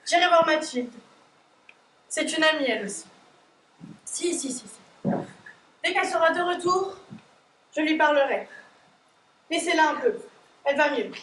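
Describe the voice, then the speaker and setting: Teen girl doing a gentle motherly lady soothing someone, high voice, echoey school hall. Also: animated, measured pace, long pauses. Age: teens. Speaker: high school stage actor. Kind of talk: school stage play. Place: school stage. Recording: echoey hall from far off, faint noise.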